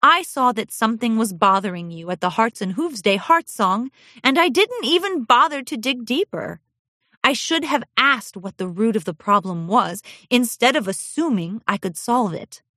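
A gentle princess pony from a storybook, caring and soft-spoken, read by a woman. Her high voice moves in lively lifts. The recording is dry and close. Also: normal speed, no room sound. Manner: warm, soothing, apologetic.

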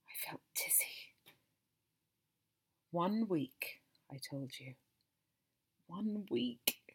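Woman, breathy low voice, slow intimate monologue with whispered stretches, tender and possessive. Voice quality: breathy and soft. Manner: tender, possessive, speaks to the listener as baby. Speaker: narrator of an intimate audio story.

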